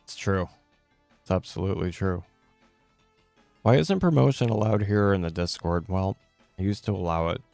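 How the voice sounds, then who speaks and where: A man chatting casually as a game streamer, answering viewers' questions in a laid-back, rambling and halting way. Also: low voice, gravelly, a little mellow, no echo, soft background music.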